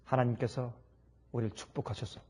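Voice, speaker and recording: A man voicing a young pastor and new father who speaks low and softly to his wife. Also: level tone, fairly quick, lightly acted. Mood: gentle. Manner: low, soft, gentle.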